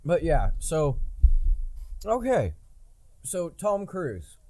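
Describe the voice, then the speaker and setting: A man hosting a podcast in casual chat, from the United States, rambling and swearing with excitable energy. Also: a little high, very slow. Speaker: podcast host.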